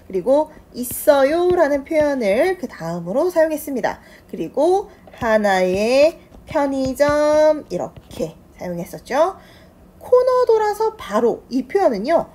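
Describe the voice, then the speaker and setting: A woman's voice: high voice, warm tone. A woman with a Korean accent, teaching an English lesson and explaining phrases patiently, step by step.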